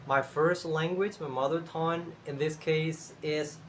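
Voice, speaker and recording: A young Cuban man whose first language is Spanish talks casually to camera as a channel host, with a Cuban Spanish accent. He's unhurried and thinks aloud, using fillers and restarts. His voice is a little high and steady in tone, with slight background noise.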